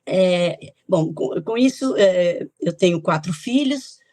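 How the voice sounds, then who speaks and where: A woman's voice: lowish voice, animated, slow, darkish tone, no echo, studio quality. An older woman from Italy, a guest author on a podcast interview, telling her life story in a chatty, reminiscing way with light laughs.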